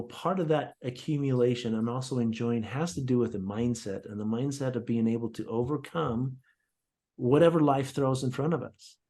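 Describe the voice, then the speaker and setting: A man's voice: medium pitch, darkish tone. A man co-hosting a money podcast, introducing his guest in an upbeat, enthusiastic way with some fillers. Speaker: podcast co-host.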